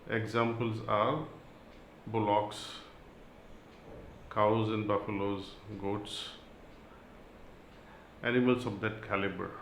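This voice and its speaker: A man giving a spiritual talk and reading aloud, in a slow, measured way with long pauses. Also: lowish voice, level tone, roomy sound, slight background noise, poor audio. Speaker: spiritual teacher.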